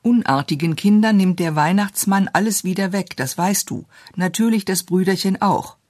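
A reader doing a calm stern father. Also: mid-range voice, no echo, studio quality, pitched above the performer's own voice, close to an everyday voice. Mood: firm. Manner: measured, firm.

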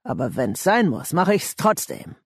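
A man reading an audiobook voices a threatening gang boss who growls his demands in a raised, forceful voice. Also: on the high side, sing-song, unhurried, slightly rough, no echo, studio quality, heavily acted. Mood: menacing.

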